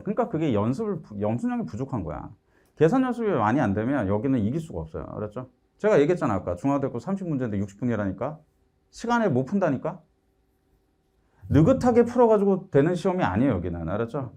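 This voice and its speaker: A middle-aged man teaching a math class. He talks to the students directly and keeps checking that they follow him. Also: medium pitch. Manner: lively, keeps asking "알았죠?" to check understanding; acts out students' complaints in a raised voice. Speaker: math instructor. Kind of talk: lecture to students.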